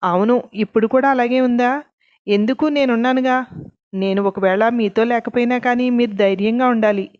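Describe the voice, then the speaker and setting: A woman voicing a calm, secretive middle-aged husband who talks in a soothing, evasive way. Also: a little high, moderate pace, no room sound, highs cut off, close to an everyday voice.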